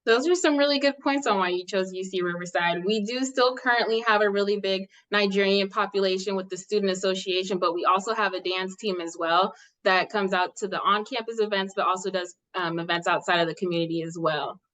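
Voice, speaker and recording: Woman host reading a scripted podcast intro, friendly, asks questions, average pitch. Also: fairly even intonation, brisk, fairly bright tone.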